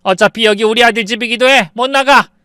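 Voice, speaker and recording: A man's voice: extremely high pitch, quick pace, bright, forceful tone, no room sound, studio quality, voice pushed up. A man voicing a stubborn older mother-in-law who screeches defiantly. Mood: shrieking.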